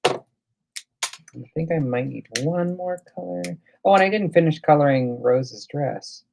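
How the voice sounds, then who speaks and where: A man's voice: a little high, measured pace, creaky, a little mellow, a little hiss or hum. A man hosting a casual live coloring demo, chatting and thinking aloud as he works. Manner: chatty, thinks aloud while working, reads out viewer comments. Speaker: livestream host.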